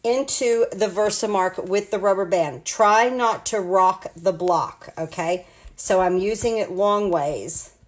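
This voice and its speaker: A woman in her sixties from the United States, chatting and explaining each step as she demonstrates card making at her craft table. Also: mid-range voice. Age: 60s. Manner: chatty, rambling, talks through each step. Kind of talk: live card-making demo. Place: home craft table, indoors.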